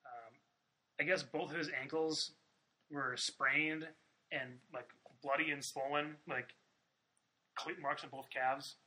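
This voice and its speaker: A man's voice: fairly high pitch, fairly even intonation, slow pace, long pauses, pushed and bright, low-quality recording. A man hosting a casual sports podcast, talking loosely with lots of fillers and swearing. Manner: loose, profane, filler-heavy. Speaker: podcast host.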